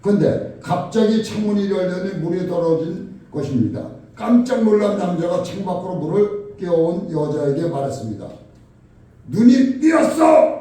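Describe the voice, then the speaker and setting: A man preaching a sermon from a distance, his voice echoing loudly through a church hall. His pitch moves a lot and sits a little high, and his tone is dark and mellow. He keeps asking the congregation questions and bursts into shouted lines when he acts out quarrels. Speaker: pastor. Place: church sanctuary. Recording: echoey church hall from far off.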